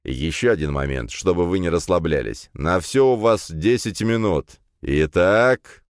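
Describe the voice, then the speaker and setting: A stern instructor barks orders at trainees in a storybook scene, as a male reader plays him. His low voice is curt and commanding. The sound is dry and close-miked. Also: lively intonation, measured pace, no room sound.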